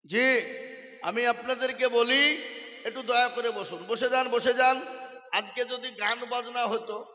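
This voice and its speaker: High, bright-voiced preacher in ringing reverb. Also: male voice, steady tone, unhurried. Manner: exhorting, keeps prodding the crowd to answer. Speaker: Islamic preacher. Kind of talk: sermon to a gathering, with chanted verses. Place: outdoor religious gathering over loudspeakers. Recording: echoey hall-like reverb.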